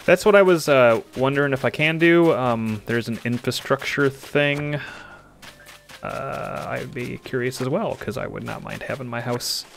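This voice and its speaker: A man playing a game on stream, chatting in a relaxed, chuckling, mock-defensive way. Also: mid-range voice, unhurried, gravelly. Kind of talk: casual chat while gaming.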